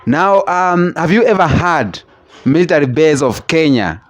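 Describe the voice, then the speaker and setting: A man's voice: a little high, lively intonation, unhurried, dry recording. A man hosting a casual reaction talk, asking questions and repeating himself. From Africa. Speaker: host.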